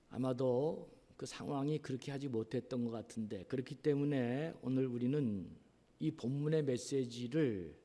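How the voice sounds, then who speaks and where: A man preaching a sermon as pastor, earnest, asking rhetorical questions and pausing on drawn-out fillers. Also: mid-range voice, warm tone. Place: church sanctuary. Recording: long reverb of a church hall.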